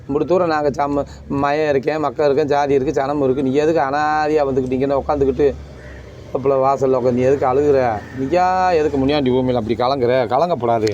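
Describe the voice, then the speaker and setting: A man's voice: medium pitch, steady tone, fast, a little mellow, highs cut off, slight background noise. A man talking outdoors, coaxing and consoling someone in a rambling, repetitive way. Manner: coaxing, rambling, repeats himself. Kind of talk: consoling, street talk.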